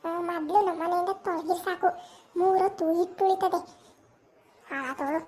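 A woman's voice: very high voice, normal speed, a little mellow. A woman playing a harsh, nagging middle-aged village aunt in a family skit, speaking with scorn. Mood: scornful.

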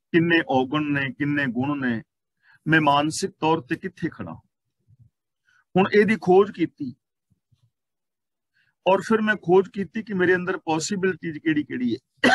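A man with a Punjabi accent teaching scripture, reciting verses slowly and then explaining them line by line. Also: fairly high pitch, a bit bright, no room sound.

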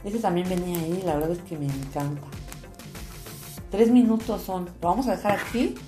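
A woman hosting a casual toy unboxing for young viewers, chatting in an expressive, excitable way full of exclamations. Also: lowish voice, moderate pace. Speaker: host of a toy unboxing channel. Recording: music playing behind, packaging crinkles. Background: music, crumpling and crinkling of packaging.

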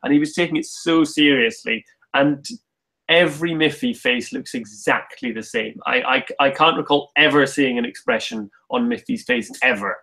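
A man who creates comics, talking about his work in a relaxed, thoughtful, self-deprecating way with frequent restarts. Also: a little high, moderate pace, gravelly, poor audio. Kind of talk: casual conversation.

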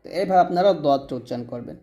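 Animated and very fast, a man with a high-sitting, dark-toned voice teaches how to pronounce Arabic letters. As a Quran recitation teacher, he drills patiently and repetitively, saying each sound again and again and calling on listeners to repeat it.

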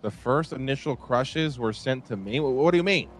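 A man's voice: medium pitch, animated, normal speed, a little hiss or hum. A man in a game roleplay who talks brashly and swears, asking pointed, disbelieving questions.

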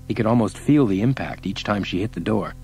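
A man reads an audiobook as its narrator, in a steady and measured way. His voice sits fairly low. Faint music plays under his reading. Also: low-quality recording. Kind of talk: scripted narration.

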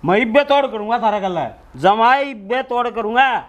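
A man's voice: very high voice, expressive, moderate pace, lo-fi sound. A man with a Haryanvi accent playing a brazen drunken village son-in-law in a comedy skit, rambling argumentatively like a town drunk. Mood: belligerent. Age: young adult. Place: open concrete house courtyard, outdoors.

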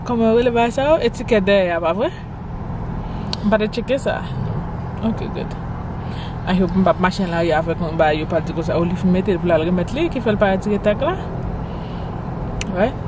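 A woman's voice: medium pitch, moderate pace. A woman, vlogging in a chatty, playful way outdoors by a car and at a mall. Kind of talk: casual vlog chat. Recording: street and car noise behind.

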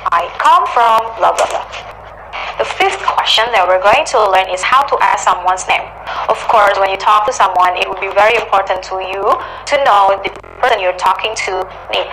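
A young woman teaching English in a slow, carefully enunciated scripted lesson, filmed in an indoor studio. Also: mid-range voice, sharp tone, slight background noise, rough recording.

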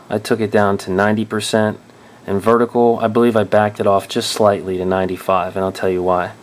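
A man explaining drone control settings in a casual tutorial, thinking aloud and often restarting or correcting himself. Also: on the low side. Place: indoors at a table.

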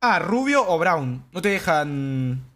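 A man's voice: fairly high pitch, big pitch swings, slow, a bit bright. A young man with an Argentine accent, a brash, profane streamer reading game text aloud and commenting. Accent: Rioplatense Spanish. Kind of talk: casual gameplay commentary.

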